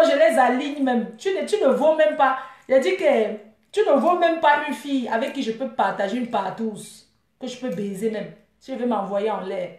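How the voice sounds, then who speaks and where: High-voiced woman in mocking rant. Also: a little mellow. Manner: mocking, scornful, with frequent laughs. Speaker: vlogger. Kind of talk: taunting live rant. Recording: echoey room.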